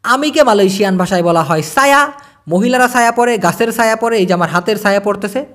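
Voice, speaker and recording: A man from Bangladesh, teaching a casual video language lesson and repeating words slowly for learners. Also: sits high, fairly bright tone.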